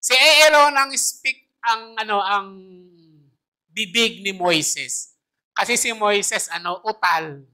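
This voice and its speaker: A woman preacher giving a chatty, animated sermon in a church, asking her listeners questions as she goes. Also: medium pitch, takes it slowly, pauses often.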